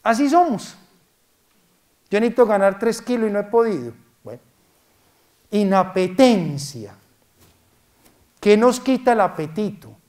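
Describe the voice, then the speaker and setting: Slow, high-voiced priest preaching. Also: male voice, animated, a little mellow. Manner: mimics complaining parishioners, playful asides. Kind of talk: humorous sermon talk.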